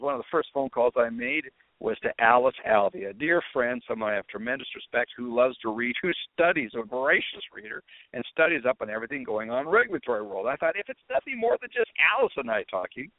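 This middle-aged podcast host rambles conversationally through his stories in a casual monologue. His mid-range voice moves fast with big swings in pitch, and the recording is tinny and phone-like, dry with no echo.

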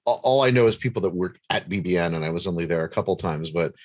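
A man's voice: low voice, fast, no room sound. A man hosting a casual interview, talking in a rambling way with many fillers and restarts. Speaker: podcast host interviewing a guest.

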